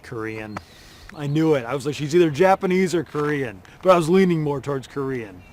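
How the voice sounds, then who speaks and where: A man's voice: mid-range voice, expressive, normal speed, slight background noise, lightly acted. An actor playing an eager, oblivious man. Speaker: actor in a comedy sketch.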